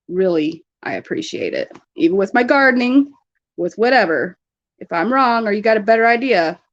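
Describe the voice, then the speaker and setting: A woman's voice: fairly low pitch, highs cut off. A woman hosting a casual live stream from home, chatting with viewers, greeting them by name and laughing often.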